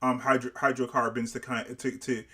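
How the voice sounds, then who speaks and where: A man's voice: mid-range voice, little pitch movement, normal speed, sharp tone, slightly rough. A man with family roots in Barbados, co-hosting a casual show review over a livestream. He talks with many restarts and repeated words. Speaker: show co-host.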